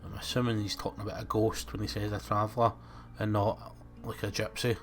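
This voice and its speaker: A man giving casual gameplay commentary in quiet, muttered asides. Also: fairly low pitch, little pitch movement, a little fast, faint music behind.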